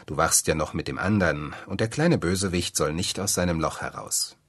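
A man's voice: low-pitched, moderate pace, fairly bright tone, slightly rough, exaggerated voice. A man voicing a tired owl standing guard and musing to herself, in a storybook reading.

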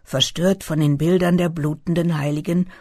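An audiobook narrator reading a literary novel in a calm, measured storytelling manner. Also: medium pitch, no room sound, clean studio sound.

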